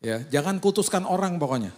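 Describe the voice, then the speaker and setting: A man's voice: on the high side, animated, quick pace, a little mellow. A male pastor, preaching a humorous sermon full of acted-out anecdotes and casual slang. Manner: casual Jakarta slang, joking storyteller.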